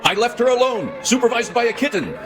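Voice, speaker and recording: A man's voice: very high voice, lively intonation, fairly quick. A man voicing a distraught, self-blaming father in a comic film dub. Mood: wailing guilt. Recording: music behind the voice.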